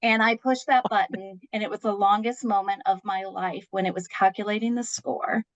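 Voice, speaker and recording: A woman in her fifties tells a personal story as a podcast guest, earnest and expressive, with small laughs slipping in between her lines. Her voice sits in an even middle register. The recording is dry and a little dull, with the muffled sound of lo-fi podcast audio. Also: medium pitch, normal speed, no echo.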